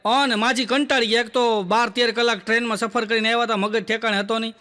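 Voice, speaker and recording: Stand-up comic, male, chatty storyteller, very high pitch, a sharp, bright tone. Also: level tone. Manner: chatty joke-telling, quick quoted dialogue. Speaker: stand-up comedian. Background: audience laughter.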